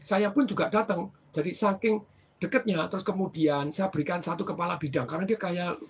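A man telling stories from his banking career in casual conversation, animated and acting out the people in them. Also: sits high, brisk, slightly rough. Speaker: former bank branch manager.

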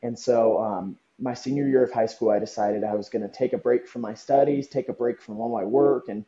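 A young man from Southern California speaks earnestly as a podcast guest, pausing on ums as he reflects. His voice is very dark and mellow. The recording sounds dull and lo-fi. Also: medium pitch, fairly even intonation. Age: young adult. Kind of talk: podcast interview. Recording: dull lo-fi audio.

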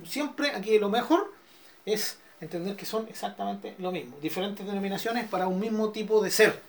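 Chilean male pastor, bible study teaching, quizzes the group, keeps checking they follow, middle-aged. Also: high voice. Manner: questioning, checks in with listeners often.

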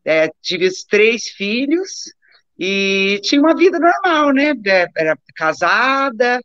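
A middle-aged woman from Brazil tells her own story as an interview guest in a casual, wandering way, repeating words for emphasis. Her voice is high-pitched. The live-stream sound is echoey and somewhat dull. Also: very animated, slow, fairly bright tone. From Brazil, born in Rio, raised in Taubaté. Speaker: interview guest, doctor and amateur athlete. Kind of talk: casual autobiographical chat.

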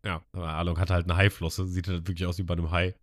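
A man co-hosting a podcast, casually retelling an anime episode with lively storytelling. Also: low voice, quick pace. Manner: lively storytelling, laughs often. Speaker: podcast co-host.

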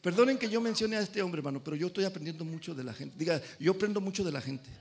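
A pastor preaching a sermon, swinging between loud and soft and calling out amen to the congregation. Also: male voice, sits high, lively intonation, fast talker. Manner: addresses congregation as brothers, calls amen.

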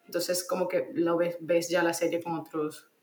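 A woman's voice: fairly low pitch, level tone, moderate pace, dark tone, echoey room. A woman hosting a casual interview, talking hesitantly and searching for her words. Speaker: podcast host.

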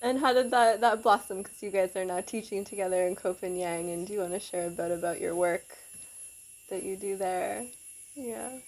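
A woman's voice: medium pitch, normal speed, a little hiss or hum, rough recording. A woman hosting an interview outdoors in a forest, asking friendly, short questions. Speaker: interviewer, host. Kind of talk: casual interview.

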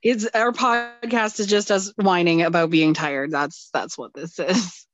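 Her voice is lowish and steady, unhurried, captured in a muffled recording. She co-hosts a podcast, trading casual chat and drowsy, self-deprecating jokes about herself.

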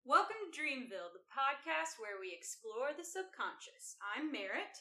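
A woman's voice: high-pitched, very animated, moderate pace, sharp tone. A woman co-hosting a casual podcast, playful and sing-song, slipping in and out of accents as she talks. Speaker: podcast co-host. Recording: roomy echo.

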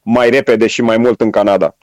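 A man, a former rower and radio guest, telling stories in a relaxed, anecdotal way. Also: medium pitch, no room sound, low-quality recording. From Romania. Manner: anecdotal, chatty, laughs while telling stories. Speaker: guest, former world rowing champion. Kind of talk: casual radio interview chat.

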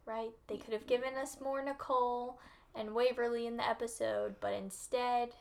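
Chatty woman co-hosting a podcast, high voice. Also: fairly even intonation, moderate pace. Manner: laughs often, chatty with many "like" fillers. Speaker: podcast co-host. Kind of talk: casual chat.

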